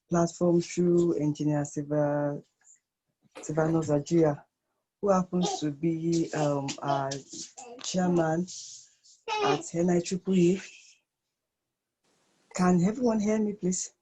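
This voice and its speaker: Woman on a group voice call, lowish mellow voice, earnest, keeps restating herself. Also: slight background noise, rough recording. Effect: heard over an online group voice call. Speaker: guest participant giving feedback. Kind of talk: spontaneous remarks in a meeting.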